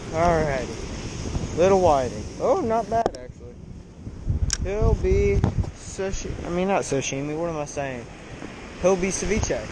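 A man on an ocean beach talks half to himself as he fishes, his voice a touch high for a man. A body-worn camera picks him up outdoors, and heavy wind roars over the mic with the surf behind it. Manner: muttering to himself, quick reactions. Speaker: angler filming his fishing trip. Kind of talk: casual running commentary. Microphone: action camera at chest height. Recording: loud wind noise on the mic.

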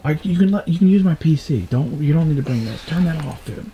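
Young male vlogger, higher voice with lots of pitch movement, mostly whispering, hushed and urgent. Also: animated, fast talker, slight background noise. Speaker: vlogger host. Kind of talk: casual vlog, sneaking around. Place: RV and yard at night.

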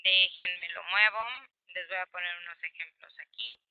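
A woman's voice: fairly low pitch, steady tone, normal speed, dry recording, narrow, tinny audio. Mexican woman teaching English grammar patiently. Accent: Mexican Spanish. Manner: explains patiently with many examples, switching between Spanish and English. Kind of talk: online English grammar class.

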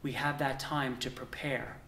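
A young man, a deacon and seminarian, reading the gospel and preaching in a measured, earnest way with emphatic pauses. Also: medium pitch, flat delivery, sharp tone. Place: indoor chapel with a stone wall. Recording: echoey chapel room.

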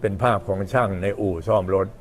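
An older man, a Buddhist monk, tells a story in a sermon in an animated, conversational way and often chuckles. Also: fairly low pitch, brisk, over music.

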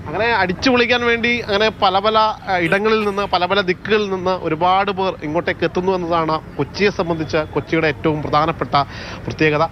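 A man with a Kerala accent reporting live as a TV field reporter, pausing often on drawn-out fillers. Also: sits high, steady tone. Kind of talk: live news report and street interviews. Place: outdoors at a festival ground. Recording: dull outdoor audio, loud street noise.

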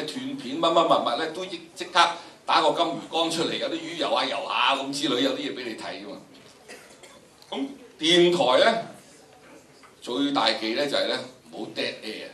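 Speaking in a bright, forceful mid-range voice, an older Hong Kong Cantonese-accented man leads a drama workshop, talking straight to his students with theatrical emphasis. He illustrates his lecture with dramatic recitations. The large indoor hall makes the far-off recording echoey and noisy.

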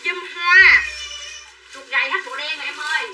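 A woman's voice: high-pitched, steady tone, very fast, sharp tone, soft background music. A woman running a live sales stream, chattily calling out prices and buyer names and coaxing viewers to buy. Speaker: livestream clothing seller. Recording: distant mic with faint background noise.

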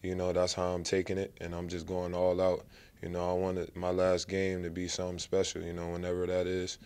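Young male athlete, very deep, flat and smooth, relaxed "you know" delivery. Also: a little fast. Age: young adult. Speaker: college basketball player. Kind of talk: post-game interview. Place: press backdrop at an arena. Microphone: handheld mic held by interviewer.

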